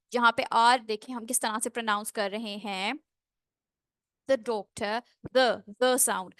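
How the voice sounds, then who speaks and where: Woman pronunciation tutor on a computer mic; unhurried, drawn-out delivery, close dry sound. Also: fairly high pitch, fairly bright tone, dry recording. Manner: slow, drawn-out model phrases, with frequent check-ins. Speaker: English pronunciation teacher. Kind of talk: online class mixing Hindi and English. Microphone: computer mic on a screen-shared video call.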